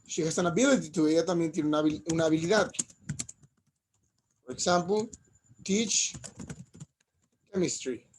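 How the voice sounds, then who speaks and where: A man teaching an English lesson, saying each phrase in English and then in Spanish, and slowing down to model pronunciation. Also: fairly high pitch, a little hiss or hum. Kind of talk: bilingual classroom lesson.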